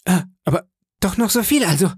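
A man's voice: sits high, animated, a little fast, a little mellow, husky, dry recording, studio quality, pitched above the performer's own voice, full character voice. A man voicing a grumbling, superstitious male pirate sailor in a storybook reading. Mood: sulky.

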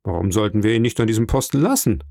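Hearty older boss shipowner, lively, confiding, gravelly voice, read by a man. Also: fairly low pitch, fast, no room sound, clean studio sound. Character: hearty middle-aged male shipowner.

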